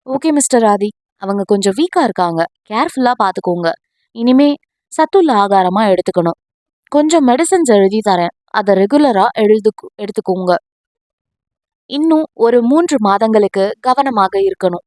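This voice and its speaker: A woman voicing a calm doctor in an audio novel, giving brisk advice. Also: medium pitch, no room sound, clean studio sound, close to an everyday voice. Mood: advising. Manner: brisk, advising.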